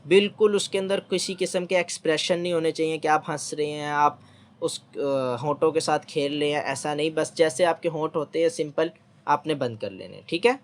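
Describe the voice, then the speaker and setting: A patient man gives a recorded lesson on reading letters, spelling out each sound clearly and repeating himself often. He keeps pausing to check that his listeners are following along. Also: fairly high pitch. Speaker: Quran reading teacher.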